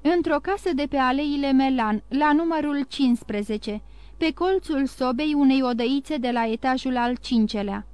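A woman voicing a young woman who speaks in breathless, excited exclamations. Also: high voice, clear, resonant tone, no echo, close to an everyday voice. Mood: explaining.

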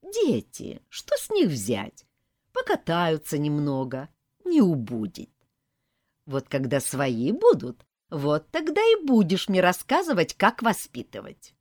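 A woman's voice: fairly low pitch, huge pitch swings, takes it slowly, darkish tone, no room sound, studio quality, exaggerated voice. A woman reading an audiobook voices a placid, dismissive middle-aged aunt who gives advice.

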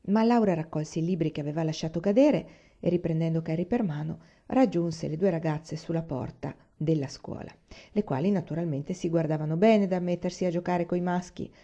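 A woman reads a children's novel aloud, telling the story in a calm, measured way and raising her voice higher when she voices the characters. The audio is dull.

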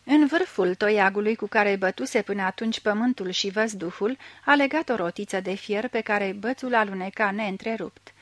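A woman narrating a literary story in a measured, expressive reading voice. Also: medium pitch, no echo. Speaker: audiobook reader.

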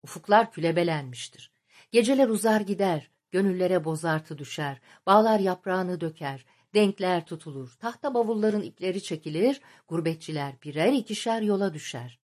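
A woman reading a novel aloud as an audiobook narrator, in a measured, literary storytelling manner. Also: lowish voice, expressive, darkish tone.

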